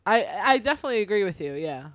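A thirty-year-old woman co-hosts a podcast in loose banter. She teases, swears and jokes with mid-range pitch. The recording is dry and close. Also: sing-song, fast, no echo. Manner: playful, sarcastic, profane. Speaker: podcast co-host. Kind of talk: casual chat.

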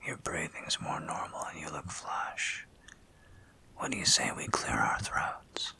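A woman performing an intimate audio roleplay in a breathy whisper, teasing and commanding by turns with lots of repeated urging. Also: very deep voice, lively intonation, unhurried, pushed and bright, low-quality recording.

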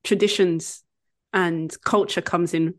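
A woman's voice: on the low side, fairly even intonation. Chatty woman hosting a podcast. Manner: chatty, searches for words with fillers and quick apologies. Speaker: podcast host. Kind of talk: casual podcast conversation.

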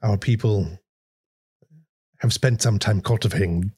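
A man's voice: on the low side, a little slow, a little mellow, husky. A man voicing a stern, humorless male alien guide in a tabletop game. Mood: matter-of-fact.

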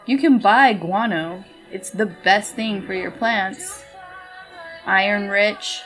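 A woman's voice: medium pitch, expressive, slow, fairly bright tone, rough recording. A woman chatting casually and rambling from one thought to the next, swearing now and then. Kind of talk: casual chat. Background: background music.

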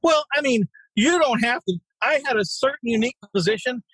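A middle-aged man telling his story as a podcast guest, blunt and salty, now and then swearing. His voice is husky and sits high for a man. The sound is close and dry. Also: expressive, brisk, a bit bright, no room sound, poor audio. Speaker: podcast guest, real estate investor. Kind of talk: casual interview storytelling.

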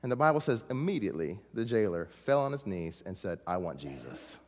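A man preaching a sermon in a dramatic way, dropping to a hush and then rising to emphatic points. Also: mid-range voice, sing-song, quick pace, long reverb tail. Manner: dramatic, swings from hushed to emphatic. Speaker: pastor.

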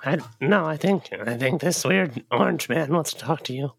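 A woman voicing a blunt, mischievous prankster who speaks in a gravelly, deadpan way. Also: deep voice, moderate pace, no echo, heavily acted.

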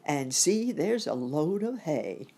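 A woman's voice: low voice, big pitch swings, slow pace, dark tone, breathy edge, full character voice. A woman voicing a jolly, kindly old rabbit uncle in a children's storybook, genial and old-fashioned in phrasing.

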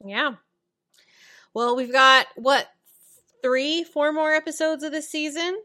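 A woman's voice: sits high, fairly even intonation, slow pace, sharp tone. A woman co-hosting a podcast, chatting casually and reading sponsor thanks with lots of fillers. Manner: chatty, reads plugs with many fillers. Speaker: podcast co-host.

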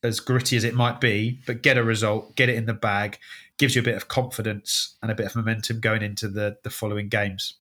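A man's voice: fairly low pitch, level tone, brisk, sharp tone. A man with a Welsh accent chatting casually as a podcast co-host.

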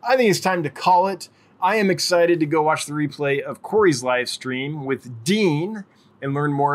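Man, middle-aged, livestream host, casual chat, friendly, rambling, slightly higher voice. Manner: friendly, rambling, answers chat questions, laughs often. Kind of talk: casual live-stream Q&A chat.

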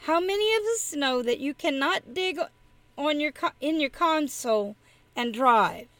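A woman's voice: high voice, expressive, measured pace, a bit bright, no room sound. A woman giving a church message, telling a story and often chuckling as she goes. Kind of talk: storytelling sermon.

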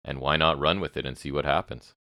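Male co-host with an extremely low, bassy voice, dry sarcastic takes, dry close recording. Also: fast talker, pushed and bright, dry recording. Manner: sarcastic, opinionated commentary. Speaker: podcast co-host. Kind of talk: casual wrestling chat.

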